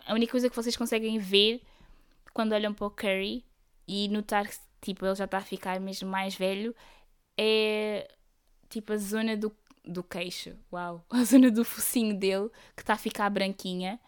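A woman's voice: mid-range voice, steady tone, normal speed, clean tone. A young woman with a European Portuguese accent chatting casually as a solo podcast host, rambling through stories in slangy speech with English words mixed in.

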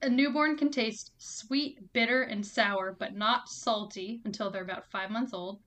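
Bright, fairly high-voiced woman co-host, casual, giggly fact-sharer. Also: a little slow. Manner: giggly, reads out facts with playful asides. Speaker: podcast co-host. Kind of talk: casual chat.

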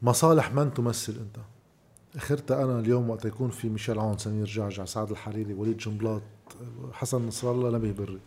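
A man's voice: lowish voice, fairly even intonation, racing, darkish tone. A man with a Lebanese accent in an informal political discussion, arguing through lists of points and rhetorical questions.

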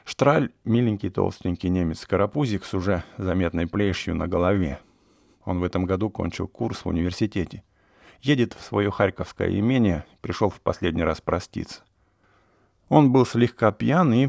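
A man narrating a classic story in a measured storytelling manner. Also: low voice, creaky, darkish tone, dry recording, clean studio sound. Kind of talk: audiobook narration of classic prose.

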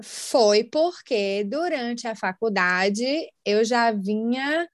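A woman's voice: fairly high pitch, expressive, extremely slow, no echo. Woman, late 20s, podcast guest, lots of fillers, dry close sound. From Brazil. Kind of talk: casual interview chat.

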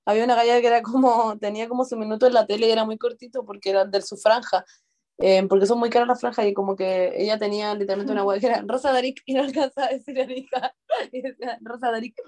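Chilean woman rattling off a story super fast on a podcast. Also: on the high side. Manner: animated anecdote-telling. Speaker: podcast co-host. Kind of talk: casual storytelling chat.

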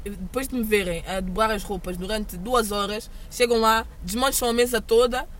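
A woman's voice: medium pitch, steady tone, normal speed, a little hiss or hum. A young woman with a European Portuguese accent, co-hosting a podcast and chatting about customers in a giggly, anecdotal way. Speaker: podcast co-host. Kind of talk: casual chat.

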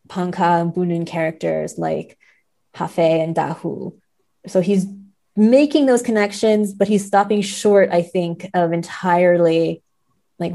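Her voice is fairly low, mellow, and touched with vocal fry. Appearing as a podcast guest, she discusses literature analytically and with care, hedging her points and regularly seeking agreement with "right?".

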